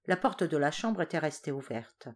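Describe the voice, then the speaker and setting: Audiobook narrator, woman, slightly low voice, steady and expressive reading of a novel. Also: moderate pace. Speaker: audiobook reader.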